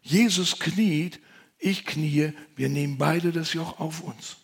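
A man preaching a sermon in a conversational, confiding way, dropping to near-whispers and rising to loud emphasis. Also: on the high side, takes it slowly, vocal fry, slightly rough. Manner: conversational, confiding, swings between hushed and loud.

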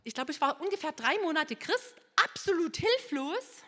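A middle-aged woman from East Germany telling a personal testimony to an audience, impulsive and animated, swinging from hushed to loud. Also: very high-pitched, normal speed, in a large hall. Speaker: speaker giving a personal testimony.

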